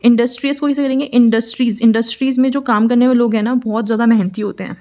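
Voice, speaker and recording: Brief: Indian woman vocabulary teacher, fairly high voice, playful and chatty, tells memory tricks as stories. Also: fairly even intonation, fast, darkish tone. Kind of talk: casual explaining lesson.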